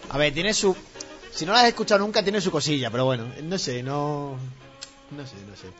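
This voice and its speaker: A man telling jokes in a teasing, animated way, acting out the voices in each joke. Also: fairly high pitch, brisk, dull audio, faint music behind. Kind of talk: casual joke-telling contest.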